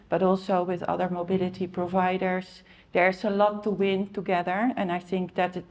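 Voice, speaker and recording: A middle-aged Dutch woman with a Dutch accent gives a conference talk in a conversational style, full of fillers and restarts. Her voice is mid-range with a darkish tone.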